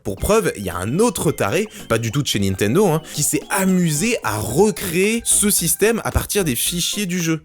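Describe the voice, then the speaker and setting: A man hosting an online explainer video, talking casually and directly to viewers with slangy asides. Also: fairly high pitch. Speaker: YouTube host.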